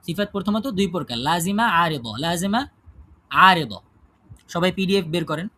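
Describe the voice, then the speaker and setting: A man teaches a class with a high-pitched voice. He asks the students questions and answers them himself. He keeps checking whether they follow him. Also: fairly quick, a bit bright. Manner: checks understanding with frequent tag questions. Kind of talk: classroom lesson on Quran recitation rules.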